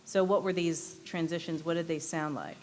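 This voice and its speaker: A woman with a somewhat low voice moderates a live panel, steering it with curious questions. A long hall reverb hangs on her words, with faint room ambience underneath. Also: steady tone, normal speed, darkish tone, slight background noise. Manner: inquisitive, prompting questions.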